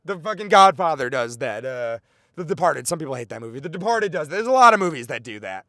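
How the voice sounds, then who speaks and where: A man with a high, lively voice rambles through a comic podcast monologue. He is excitable and profane, and he keeps drifting off on sidetracks. The recording is close and dry. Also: fast talker, no echo. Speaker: comedian podcast host.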